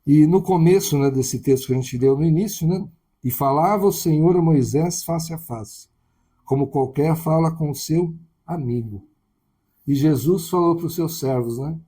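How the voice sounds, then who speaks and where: A man preaching with a Brazilian Portuguese accent, his voice sitting a little high but mellow and husky. He talks to the congregation conversationally, dropping tag questions into almost every sentence. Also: moderate pace. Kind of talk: sermon.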